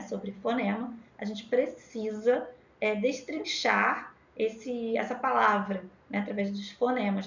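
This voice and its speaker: Echoey Rio teacher, slow syllable drills. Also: female voice, a little high. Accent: Rio de Janeiro Portuguese. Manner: spells out words sound by sound, drawn-out syllables. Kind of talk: exam-prep lesson. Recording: echoey lo-fi room.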